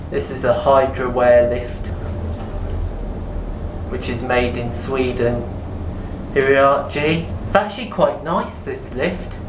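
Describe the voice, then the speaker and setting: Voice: mid-range voice, slow, pauses often. A person giving casual, matter-of-fact commentary on equipment in short factual remarks. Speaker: lift enthusiast filming tours. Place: inside lifts in a store. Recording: echoey, noisy lift interior.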